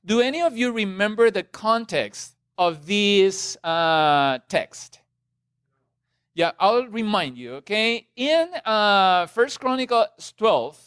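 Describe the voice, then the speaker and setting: A middle-aged man from Ecuador leads a church seminar for a small group in a meeting room. His voice sits high and sounds smooth and clear. The sound is dry and close, with little room echo. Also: a bit bright. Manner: conversational, checks in with the audience often. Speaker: seminar presenter.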